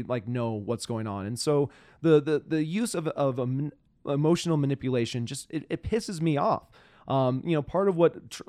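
A man hosting a political chat show, talking in frustrated, profane bursts that stall and restart as he hunts for words. His voice is mid-pitched and sits close and dry on the mic, with no room sound around it. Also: darkish tone, dry recording. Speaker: podcast host.

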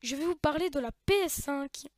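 A woman's voice: high-pitched, normal speed. A woman hosting a casual home-made news show, chatty with frequent restarts. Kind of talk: casual improvised show talk.

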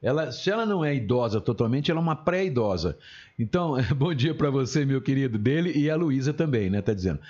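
A man's voice: medium pitch, very animated, fast talker, darkish tone. A man hosting a live show, teasing his co-host in a joking, playful way. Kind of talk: joking live broadcast chat. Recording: dull lo-fi broadcast audio.

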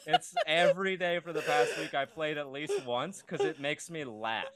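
A man's voice: fairly high pitch, normal speed, fairly bright tone, no room sound. Man, comedy podcast co-host, casual riffing, loose laughing banter, dry close sound.

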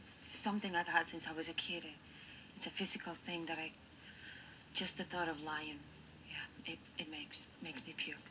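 Actress as nervous, low-pitched female nurse. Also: fairly even intonation, moderate pace, natural voice. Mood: uneasy, hesitant. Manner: hesitant, soft. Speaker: nurse being questioned. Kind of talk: film drama dialogue. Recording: muffled, noisy film playback.

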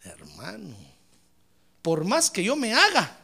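A fiery pastor with a very high, bright voice preaches a Pentecostal sermon in his church. He drops to hushed asides, then climbs into shouted praise with a gravelly edge. His pitch leaps all over. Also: wildly swooping pitch, slow. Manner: swings from quiet asides to shouted exclamations.

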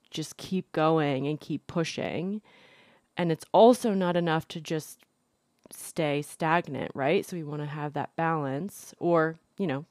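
A woman's voice: deep voice, no room sound, studio quality. A young woman hosting a podcast solo, talking in a casual, informal, conversational way. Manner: informal, conversational, hedging with "like" and "you know". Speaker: podcast host and mental health therapist. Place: indoors, temporary room with little insulation.

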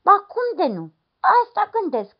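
A man's voice: very high-pitched, pitched above the performer's own voice, exaggerated voice. A woman voicing a bold, cheerful young peasant farmhand in a folk tale, with a cheeky manner. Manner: cheeky, lively. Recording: dull lo-fi recording.

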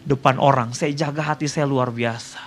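A man's voice: medium pitch, steady tone, normal speed, slight background noise. A man preaching a sermon as pastor, telling a story and speaking straight to the congregation before leading a prayer. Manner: storytelling, addresses the congregation often, ends in prayer.

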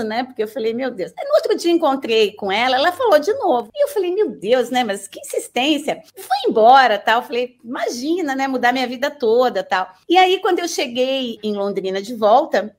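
A middle-aged woman from Brazil, a university professor telling her career story in an interview, chatty and often adding tag questions. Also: high-pitched.

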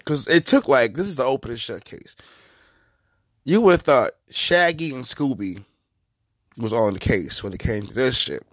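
A man hosting a podcast, giving profane, mocking comedic commentary in an animated way. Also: medium pitch, normal speed, no room sound, studio quality. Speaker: podcast host.

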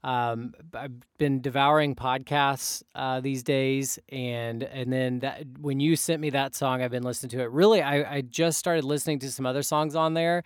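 A young man co-hosting a casual podcast, talking in a relaxed, rambling way with plenty of fillers and restarts. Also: medium pitch, normal speed, few pauses, clear, resonant tone, dry recording, studio quality. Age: young adult. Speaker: podcast co-host.

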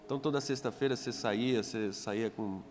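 Man, pastor, testimony sermon, storytelling, long hall echo, soft music behind. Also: mid-range voice, fast talker. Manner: storytelling, acting out dialogue.

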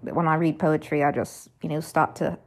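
A woman's voice: sits low, level tone, moderate pace. A woman hosting a poetry podcast, reading a poem and then talking about it in a loose, rambling way full of "you know" and "um". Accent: unplanned put-on accent when reading poetry. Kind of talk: casual poetry reading and discussion.

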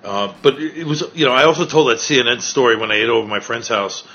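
A street video creator with a New York accent talks fast in a mid-range, bright, husky voice with a forceful tone. Outdoors in a city park, he chats loosely with strangers and recaps for a vlog, rambling with fillers. The street recording is dull and lo-fi.

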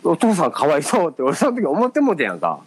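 Poor audio carries this Kansai-accented podcast co-host's racing, slightly rough voice, which sits on the high side. He spins a personal anecdote in relaxed conversation, animated yet halting and packed with fillers.

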